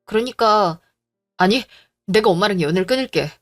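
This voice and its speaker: A woman voicing a gentle, devoted young man who pleads softly, in a storybook drama reading. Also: mid-range voice, animated, moderate pace, faint music behind, natural voice. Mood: pleading. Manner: pleading, soft-spoken.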